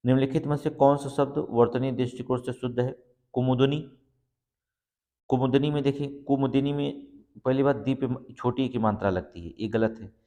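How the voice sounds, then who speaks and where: In a room with long reverb, a man teaches exam preparation in a dark-toned, medium-pitched voice at a moderate pace. He breaks every answer into steps and confirms it with a repeated check.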